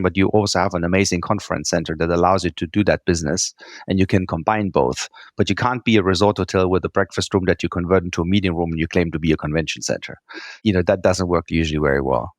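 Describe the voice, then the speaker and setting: Speaking in a low voice, a man from Germany, here as a guest executive, responds earnestly to interview questions in his German accent. He tends to repeat words and frequently adds "right?" tags, captured in a dry, studio-quality recording.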